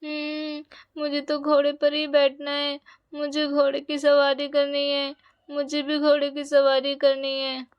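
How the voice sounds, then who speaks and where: A woman voicing a small excited boy who keeps pleading for a horse ride in a doll story. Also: sits high, measured pace, voice pushed up. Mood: whining. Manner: whiny, pleading. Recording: dull lo-fi recording.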